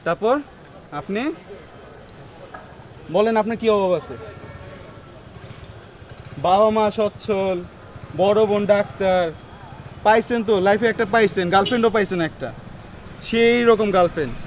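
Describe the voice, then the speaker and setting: A man's voice: high-pitched, fairly even intonation, moderate pace, pauses often, a little hiss or hum, lightly acted. A man playing a sarcastic young man who taunts a friend.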